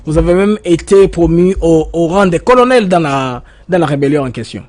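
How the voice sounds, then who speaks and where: Male host-interviewer, slightly high pitch, probing and persistent. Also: expressive, normal speed, darkish tone. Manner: probing, presses for details. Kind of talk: interview questioning.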